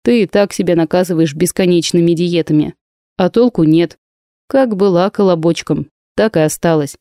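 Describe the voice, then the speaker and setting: A woman's voice: fairly low pitch, mellow, no echo, studio quality, close to an everyday voice. A woman voicing a teasing man around thirty. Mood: ironic. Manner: teasing, drawn-out slow delivery. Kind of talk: audiobook character voice.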